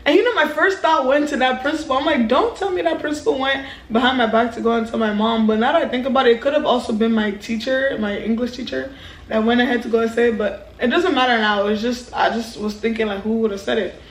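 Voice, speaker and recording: A young woman from a Nigerian family telling a storytime vlog in a lively, animated way, acting out quotes with exclamations. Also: a little high, fast talker. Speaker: vlogger. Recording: roomy echo.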